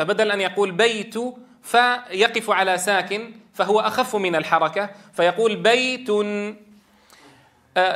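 A man with a high-pitched voice teaches a tajweed lesson to a class of men. His tone is bright and forceful. He explains step by step, repeats key points, and stretches vowels to show each rule. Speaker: Quran teacher trainer.

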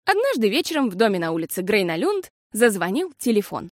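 A woman narrating a children's storybook in a lively, expressive reading. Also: mid-range voice, a little fast, dry recording, studio quality.

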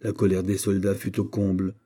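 A man narrating an audiobook in a measured, even storytelling manner. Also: deep voice, breathy edge. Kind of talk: scripted narration.

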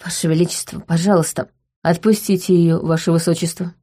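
A woman voicing a restrained young nobleman who speaks coldly and low, through clenched teeth. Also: steady tone, brisk, mellow, lightly acted. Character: cold, restrained young nobleman, quietly angry.

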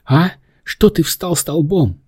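A man voicing a feisty, commanding young woman who shouts orders in an audiobook. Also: animated, normal speed, husky. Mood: bossy. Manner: shrill, bossy.

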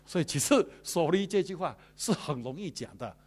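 Animated pastor preaching. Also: male voice, on the high side, normal speed. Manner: lively, joking and preaching to a congregation. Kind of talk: sermon.

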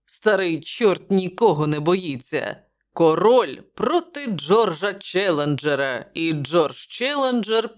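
A woman voicing a jovial, wry male journalist who talks in a bantering way. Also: fairly low pitch.

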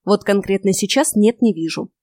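A woman voicing a skeptical, stubborn young man in an audiobook, grumbling and flatly dismissive. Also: medium pitch, moderate pace, dry recording, clean studio sound, natural voice. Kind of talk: audiobook character voice.

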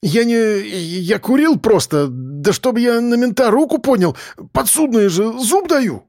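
A man's voice: high-pitched, lively intonation, measured pace, darkish tone, no echo, studio quality, pitched above the performer's own voice. A man voicing a frightened petty pickpocket who whines and pleads in street slang. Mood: pleading. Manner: whining, pleading, criminal slang.

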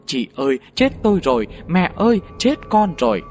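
A man's voice: sits high, big pitch swings, normal speed, a little mellow, soft background music, pitched above the performer's own voice. A man voicing a terrified young village drunkard, whimpering and stammering. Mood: sobbing.

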